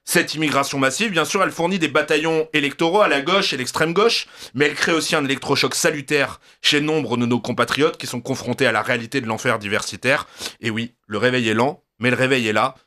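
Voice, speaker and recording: Bright, forceful man giving radio commentary. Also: mid-range voice, brisk. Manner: rhetorical, emphatic, declarative. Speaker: radio columnist. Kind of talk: political radio commentary, prepared delivery.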